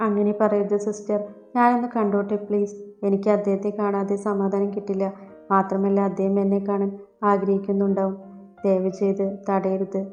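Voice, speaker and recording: An anxious, gentle young woman in an audiobook story, read by a woman, pleading earnestly. Her voice is dark and even, heard in a roomy, lo-fi recording with soft music behind. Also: mid-range voice, normal speed, lightly acted. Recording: echoey, dull lo-fi with soft music.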